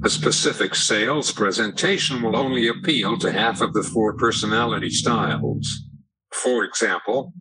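A man in his seventies answering interview questions through a computer text-to-speech voice, with steady, even delivery. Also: lowish voice, slightly rough, rough recording. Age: 70s. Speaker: podcast guest, sales trainer. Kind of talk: pre-programmed answers read out by a speech device.

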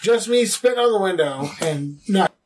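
A man's voice: high voice, lively intonation, normal speed, recorded from a distance, noisy background. A man casually telling a blunt story about an old run-in, on a podcast.

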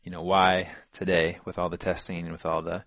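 A man co-hosting a sports podcast in casual chat, relaxed and full of fillers. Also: low-pitched, a little fast, no echo, clean studio sound. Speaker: podcast co-host.

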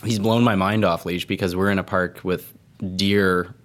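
A man's voice: sits low, moderate pace. A man interviewing guests in a casual, joking way, congested from allergies. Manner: joking, lively questions. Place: lodge room at a campground.

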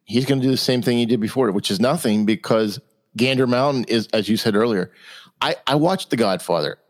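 A man co-hosting a political talk show, arguing in an incredulous, animated way. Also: fairly quick. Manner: incredulous, animated, rising to high exclamations. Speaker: co-host.

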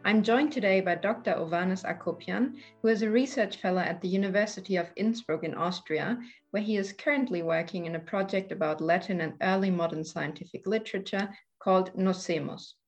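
A young woman hosting an academic podcast, reading a measured, formal introduction and asking questions. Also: mid-range voice, dull audio, soft background music. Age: young adult. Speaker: podcast host. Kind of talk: scripted introduction and interview questions.

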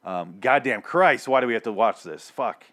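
A young man, reviewing a TV episode, speaks at normal speed in a mid-range, fairly bright voice with lively intonation. It's a profane, exasperated rant packed with restarts and tangents, and his voice is getting worn as it gives out.

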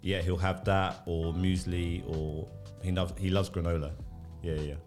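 A man's voice: sits low, flat delivery, moderate pace, darkish tone, faint music behind. A man in his thirties with a South London accent, an easygoing, teasing guest on a casual podcast. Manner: easygoing, teasing, lots of "yeah, yeah". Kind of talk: casual chat.

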